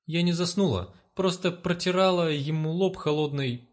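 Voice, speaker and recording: A man voicing a frightened young woman who is tending a patient and pleads in a high, panicked voice. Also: moderate pace, lightly acted. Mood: flustered.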